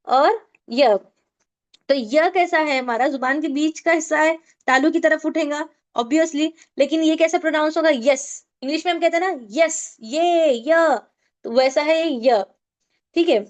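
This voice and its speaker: A woman with a high voice runs an online recitation class. She works through pronunciation rules step by step and keeps asking her students for answers. Her voice comes through a video call. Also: slow, muffled recording. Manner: explanatory, asks students questions. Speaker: tajweed teacher.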